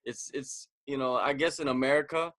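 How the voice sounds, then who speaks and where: A man's voice: mid-range voice, steady tone, normal speed, fairly bright tone, no echo. A man from the US West Coast hosting a podcast interview. He talks casually, filling his sentences with "like" and "you know.". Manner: conversational, filler-heavy with frequent "like". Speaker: podcast host.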